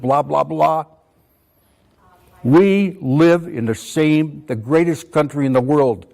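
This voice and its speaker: A man's voice: a little high, a little mellow. Elderly man in his eighties, impassioned talk to students, repeats phrases, pleading tone. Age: 80s. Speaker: veteran speaker at a school.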